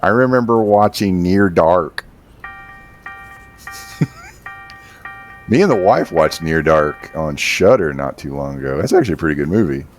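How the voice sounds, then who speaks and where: Male gamer in his 30s, deep and unhurried, rambling commentary with filler words. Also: soft background music. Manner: rambling, swears casually, frequent fillers and laughs. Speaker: streamer. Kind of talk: casual gameplay commentary.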